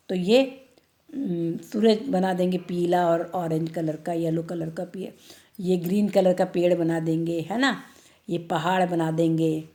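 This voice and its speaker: A woman teaching an online class for young children, drawing words out slowly and often checking in with the pupils. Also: fairly low pitch, warm tone. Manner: slow, drawn-out word-by-word reading, tag questions to pupils. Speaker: primary school teacher.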